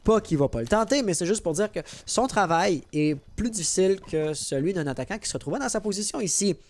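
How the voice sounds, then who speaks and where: A young man casting an esports match with play-by-play commentary, excitable and rising sharply at big plays. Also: sits high, a little fast. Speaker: esports caster.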